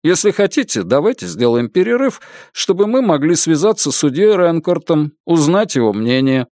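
A man's voice: fairly high pitch, big pitch swings, normal speed, darkish tone, no room sound, clean studio sound, voice pushed up. A man voicing an exasperated male lawyer who objects firmly. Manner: firm, objecting.

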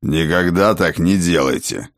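A man voicing a gruff, protective dragon father in a storybook reading, talking in a low grumble. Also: normal speed, no echo, clean studio sound. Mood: grumbling.

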